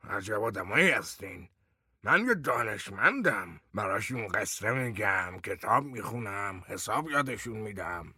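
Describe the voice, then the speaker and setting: A man's voice: on the low side, lively intonation, bright, forceful tone, husky, no echo, clean studio sound, heavily acted. A man playing a defiant, mocking madman. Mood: rambling. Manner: defiant, mimicking, parrots questions back. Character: eccentric unhinged man mocking his interrogator.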